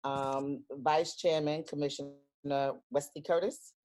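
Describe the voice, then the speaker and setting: A woman clerk calling the roll at a virtual public meeting, reading names in a brisk, plain way. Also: deep voice, fairly even intonation, a little mellow. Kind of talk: roll call.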